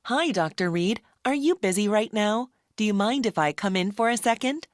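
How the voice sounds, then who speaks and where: A woman's voice: mid-range voice, animated, normal speed, no echo, clean studio sound, natural voice. A young woman playing a polite, earnest university student in a stilted, scripted textbook dialogue. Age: young adult.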